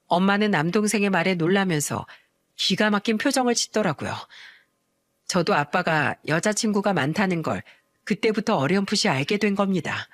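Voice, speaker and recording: A woman narrating a first-person family story in a measured way, with rhetorical asides. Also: medium pitch, no echo, studio quality.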